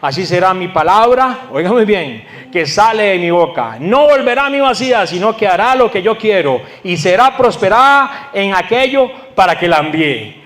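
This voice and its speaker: A man with a high, lively voice preaching to a congregation. He throws questions out to his listeners and answers them himself, rising and falling as he goes. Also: moderate pace, few pauses. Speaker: pastor. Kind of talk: sermon.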